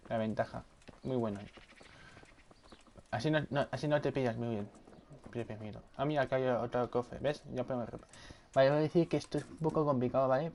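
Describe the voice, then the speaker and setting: A man commenting casually on his game at home at night, muttering quietly to himself. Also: mid-range voice, a little hiss or hum. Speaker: gameplay video creator.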